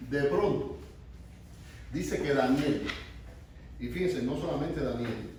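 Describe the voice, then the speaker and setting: A man's voice: mid-range voice, slow pace, a little mellow, a little hiss or hum. A man from Cuba, a youth pastor teaching a sermon who asks his listeners questions and often restarts his phrases. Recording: echoey room, mic from far off.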